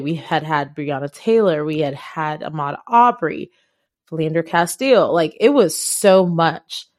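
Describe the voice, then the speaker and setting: On her conversational podcast, this host from Ghana speaks with a slightly lower-than-average pitch. Her storytelling is relaxed, punctuated by emphatic points, and she talks straight to whoever is listening.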